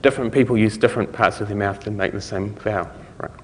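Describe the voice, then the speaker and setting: A man's voice: fairly low pitch, fairly even intonation, fast, in a large hall, a little hiss or hum. A man giving a conversational conference talk, explaining things step by step. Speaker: conference speaker.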